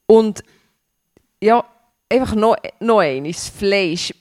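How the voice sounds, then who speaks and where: A woman giving an informal devotional talk to a church group, earnest and unhurried, sometimes stopping to restart a word. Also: mid-range voice, animated, darkish tone, dry recording, studio quality.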